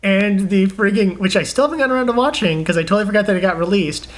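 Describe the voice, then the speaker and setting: High pitched young guy rambling excitedly on a podcast, laughs a lot. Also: rapid-fire. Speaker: podcast co-host. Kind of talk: casual chat about games and movies.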